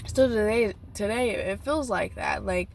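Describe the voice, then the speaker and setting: A nineteen-year-old woman vlogging an unplanned journaling session outdoors beside a busy street, rambling and reflective, with halting restarts. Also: mid-range voice, a little hiss or hum.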